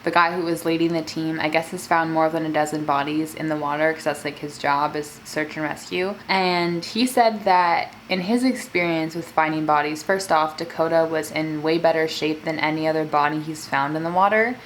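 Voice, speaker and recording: A mukbang host tells a true-crime story in a chatty, conversational style, sprinkling in fillers, especially "like." Her low voice has fairly even intonation at a normal speed with few pauses, and the poor audio carries a little hiss or hum.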